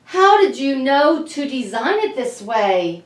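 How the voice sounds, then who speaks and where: A woman voicing a jolly, hearty, warm-hearted old Santa Claus as she reads a children's storybook aloud. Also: very high-pitched, sing-song, takes it slowly, voice pushed up, heavily acted. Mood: astonished. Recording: echoey room, distant mic.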